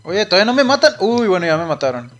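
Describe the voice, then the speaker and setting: A man's voice: sits high, very animated, fast talker, a bit bright, lo-fi sound, soft background music. A young man with a Mexican accent streaming a game and chatting casually, rambling and swearing a lot, saying "güey" constantly. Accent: Mexican Spanish. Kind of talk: casual chat while gaming on a live stream.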